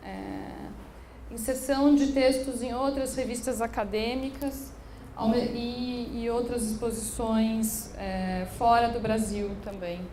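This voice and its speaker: A woman from São, a curator, gives a public lecture slowly in a fairly high, steady, warm voice, often hesitating, restarting and filling pauses. She is in a room of an occupied building, and the recording is echoey with faint background noise.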